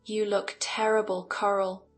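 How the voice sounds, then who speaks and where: A woman's voice: medium pitch, flat delivery, unhurried, faint music behind, close to an everyday voice. A woman voicing a smug, arrogant man who talks down to others with fake pity. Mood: patronizing. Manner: scoffing, condescending. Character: smug arrogant man, patronizing tech founder.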